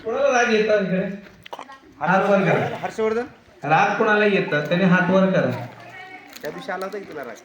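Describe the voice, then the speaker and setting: Man, Marathi accent, classroom talk with children, high-pitched, echoey classroom with faint chatter. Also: lively intonation, brisk, pauses often, muffled recording. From India. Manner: asks many questions, acts out children's voices. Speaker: child psychiatrist teaching schoolchildren.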